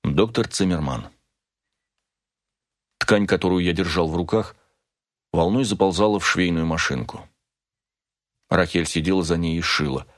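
A man reading a novel aloud in the first person, with measured, steady storytelling. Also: low voice. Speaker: audiobook narrator.

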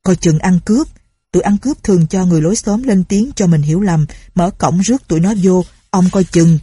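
A stern old village landlord barks short, clipped orders in a low, husky voice with a lilt, as a woman storyteller puts him on. The sound is dry and close, with no room around it. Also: fairly quick, dark tone, dry recording. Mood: tense. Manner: curt, commanding orders. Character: wary, stern older male landlord and village chief.

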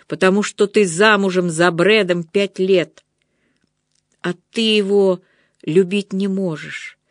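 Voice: medium pitch, steady tone, slow pace, fairly bright tone, no echo, studio quality. A reader voicing a distraught young woman full of guilt and envy, tearful and pleading in an audiobook. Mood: anguished. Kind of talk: audiobook reading.

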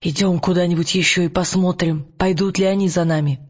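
A man voicing a quiet, cautious boy in an audiobook, speaking in a hushed manner. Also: high-pitched, fairly even intonation, brisk, husky, dull audio. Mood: wary. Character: boy Will, quiet, wary, serious.

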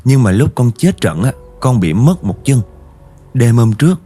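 A man's voice: medium pitch, very animated, moderate pace, mellow, husky, soft background music, voice pushed up. A man voicing the aggrieved ghost of a one-legged dead soldier who has possessed a girl. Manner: aggrieved, rising into angry outbursts.

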